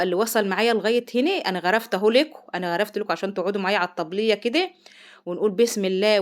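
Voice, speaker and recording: A middle-aged woman with an Egyptian accent chats through her home cooking vlog at a breakneck pace. Her voice sits at an ordinary middle pitch, and she keeps exclaiming over the food as she talks. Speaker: vlogger, mother. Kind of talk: casual cooking vlog chat. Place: home kitchen.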